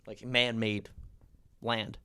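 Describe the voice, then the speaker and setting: A man's voice: fairly low pitch, flat delivery, slow, pushed and bright, clean tone. A man with an American accent co-hosting a podcast, explaining and talking over others in casual chat. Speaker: podcast co-host.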